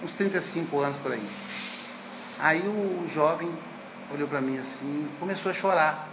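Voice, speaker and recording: Brief: male teacher, 50s, fairly high pitch, chatty storyteller, faint noise behind. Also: moderate pace. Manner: chatty storyteller, frequent tag questions. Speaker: course teacher. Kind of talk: conversational lecture with anecdotes.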